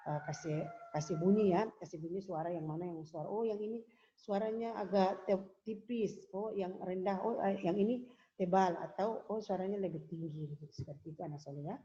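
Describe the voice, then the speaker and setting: Warm-voiced woman teacher, patient. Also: fairly low pitch, fairly quick. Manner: patient, repetitive explaining with many fillers. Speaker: religious school teacher. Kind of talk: recorded lesson for young pupils. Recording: dull lo-fi home video audio.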